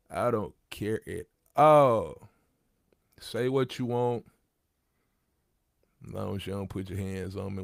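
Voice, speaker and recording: A man in his thirties with a low, gravelly voice hosts a livestream, chatting casually in street slang and repeating himself. The studio sound is clean, with no echo.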